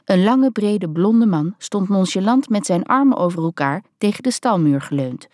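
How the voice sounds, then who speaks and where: A woman narrating a novel in a steady, even storytelling manner. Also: mid-range voice, moderate pace, dry recording, clean studio sound. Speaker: audiobook narrator.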